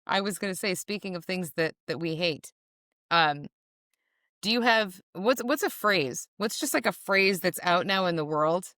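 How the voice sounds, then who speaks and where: Low-voiced middle-aged woman hosting, blunt. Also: moderate pace, dry recording, clean studio sound. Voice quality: low voice often taken for a man's on the phone. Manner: blunt, animated, swears for emphasis. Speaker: podcast host. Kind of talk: casual chat.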